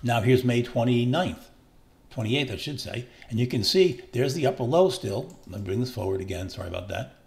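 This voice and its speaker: A man's voice: medium pitch, lively intonation, a little fast, vocal fry, a little mellow. A man walking through weather maps in a chatty forecast, rambling and often correcting himself. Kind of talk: casual forecast walkthrough over maps.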